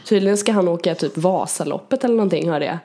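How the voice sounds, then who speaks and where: Chatty woman telling a lively story. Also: on the low side. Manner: chatty, animated storytelling with frequent laughter. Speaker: podcast co-host. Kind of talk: casual podcast chat.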